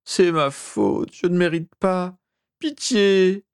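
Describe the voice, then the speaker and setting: A man's voice: on the low side, normal speed, no room sound, studio quality, natural voice. A man voicing a young wizard in agony, despairing, sobbing and pleading in a strained voice. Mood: anguished. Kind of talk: amateur audiobook character voice.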